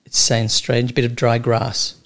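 A man's voice: mid-range voice, completely flat delivery, moderate pace, gravelly, fairly bright tone. A man co-hosting a podcast, chatting casually and wryly over a wine tasting, laughing often. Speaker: podcast co-host.

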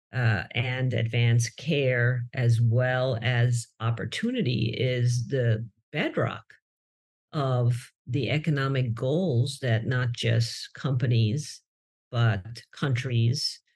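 An interview host asking long, halting questions with many fillers. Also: mid-range voice, a little mellow.

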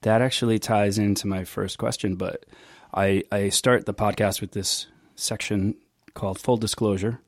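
A man hosting a casual podcast, talking in a relaxed, enthusiastic way. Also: fairly low pitch, moderate pace, dry recording, studio quality. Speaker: podcast host.

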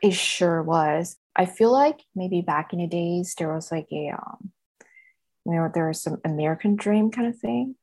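Woman from southern china, chatty and relaxed, lowish voice, laughs a lot. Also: normal speed. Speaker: guest, self-love coach. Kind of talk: casual interview chat.

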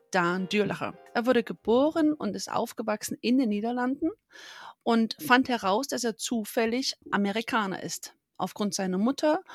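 A woman's voice: fairly high pitch, dry recording. Dry-voiced woman podcast host. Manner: clear scripted intro, plain questions. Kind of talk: interview.

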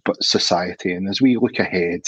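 A man's voice: deep voice, brisk, fairly bright tone, breathy edge, no room sound. A middle-aged man from Scotland with a Glasgow accent, talking conversationally as a guest on a podcast interview. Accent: Scottish, Glasgow. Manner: conversational, restarts with fillers. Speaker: guest, association CEO.

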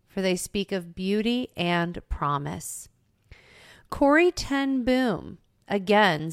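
A woman host reading a scripted devotional in a slow, measured way. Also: medium pitch, no room sound, studio quality.

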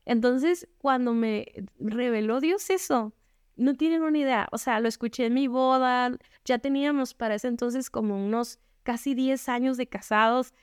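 A woman's voice: a little high, darkish tone, clear, resonant tone, no echo, studio quality. A woman giving a candid personal faith testimony to other women, conversational and frank. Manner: conversational, frequent rhetorical "¿no?". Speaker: speaker sharing a faith testimony.

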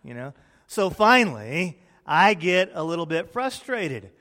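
Pastor preaching in a reverberant hall. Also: male voice, a little high, a little slow. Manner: expressive preaching, swings from loud to hushed. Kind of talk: sermon.

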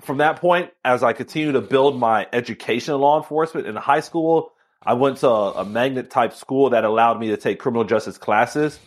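Upbeat fast-talking man from Miami. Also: mid-range voice. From Miami, Florida. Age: 30s. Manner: energetic, animated storyteller, talks fast. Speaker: guest, author and speaker. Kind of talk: casual interview storytelling.

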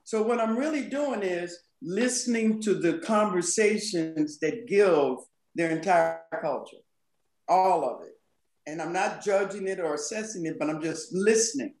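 A woman's voice: fairly low pitch, expressive, a little slow, a little mellow, reverberant. A woman guest on a podcast talking about culture and communication in a thoughtful, emphatic way. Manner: thoughtful, emphatic, laughs easily. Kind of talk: podcast conversation.

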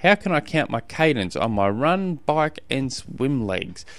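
A man's voice: medium pitch, very animated, a little slow, no echo. A man with an Australian accent hosting a podcast, giving casual coaching advice in an informal, rambling way and often rephrasing himself mid-sentence. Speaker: podcast host and endurance sports coach.

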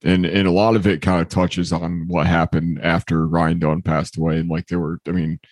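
A man's voice: low voice, little pitch movement, normal speed, a little mellow, no room sound. A young man chatting casually on a podcast, rambling with lots of fillers and restarts while he has the hiccups. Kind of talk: casual chat.

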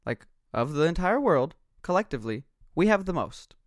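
A man's voice: fairly high pitch, sing-song, normal speed, dry recording. A man in casual conversation, recorded dry and close with hardly any room sound. He speaks with intensity and conviction, assertive in his delivery and sprinkling "like" through his phrases.

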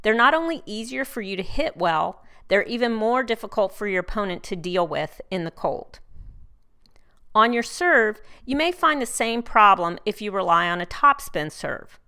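Female instructional host, mid-pitched and bright, upbeat, orderly advice delivery from a script. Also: lively intonation, normal speed. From United States. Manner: upbeat, tidy, clearly organized advice-giving. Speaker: host of a tennis tips podcast.

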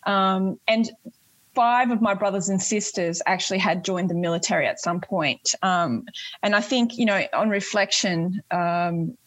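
A chatty Australian woman in her late 40s, from northwest Tasmania, speaks at a medium pitch and a slightly slow pace. She's an Air Force member appearing as an interview guest, recounting her career in a rambling, conversational way and often saying "you know." The recording is dry, with a close sound.

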